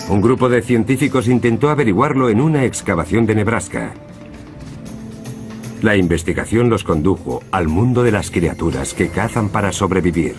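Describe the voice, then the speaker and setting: A man reading scripted nature documentary narration. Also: on the low side.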